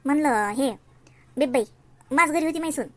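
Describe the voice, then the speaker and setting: A woman's voice: sits high, normal speed, fairly bright tone. A woman in a village comedy sketch, trading fussy, chatty banter.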